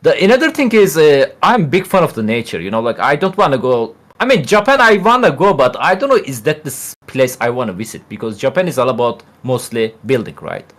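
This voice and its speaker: A man speaks as a guest on a casual stream, rambling with loose, non-native phrasing and frequent fillers. His pitch swings widely as he talks, rising and dropping through each thought. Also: very animated, a little fast, few pauses, a bit bright. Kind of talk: casual chat.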